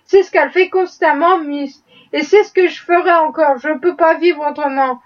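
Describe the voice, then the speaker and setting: A woman voicing a bitter, gruff old woman who talks in a surly, grumbling way. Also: steady tone, normal speed, natural voice. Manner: surly, grumbling, low muttering. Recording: dull, distant-sounding audiobook recording.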